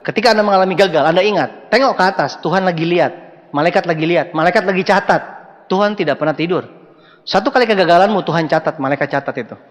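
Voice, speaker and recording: A man giving a motivational seminar talk to a live audience, animated and joking, speaking to them directly. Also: high-pitched, fast talker. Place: large hall with audience. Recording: long hall reverb.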